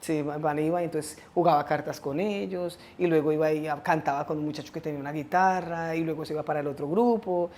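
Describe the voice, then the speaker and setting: A middle-aged woman telling a family story in a halting way, with many restarts. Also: sits low, steady tone, a little mellow, slight background noise. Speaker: interviewee, mother of the host. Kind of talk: family conversation, recounting memories.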